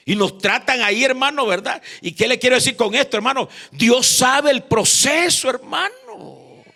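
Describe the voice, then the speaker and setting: A Honduran man preaches in a church. His voice sits high and has a gravelly edge, and he keeps pulling the congregation in, asking them to repeat after him. He is bright and forceful. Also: normal speed. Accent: Honduran Spanish. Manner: repeats "hermano" constantly, calls for responses. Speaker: evangelist preacher. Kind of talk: sermon.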